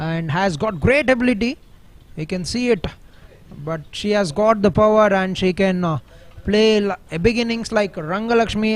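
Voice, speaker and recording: A man with a high voice and an Indian accent gives analytical cricket commentary. He takes his time in English, pausing often, and slips between English and Telugu.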